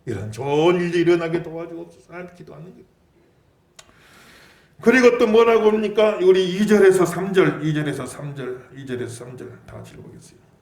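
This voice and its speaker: A man preaching with rising emphasis, his voice set a little high. He calls the congregation to read and repeat after him. The sound carries the echo of a church hall. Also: animated, a little fast, a little mellow, far from the mic. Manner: emphatic preaching, leads congregation in responses and readings. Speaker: pastor. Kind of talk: sermon. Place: church sanctuary.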